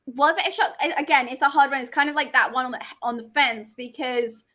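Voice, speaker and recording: A woman with a high-pitched, brisk, sharp voice co-hosts a women's soccer preview. The talk is chatty and casual, she laughs easily, and she asks viewers to leave comments.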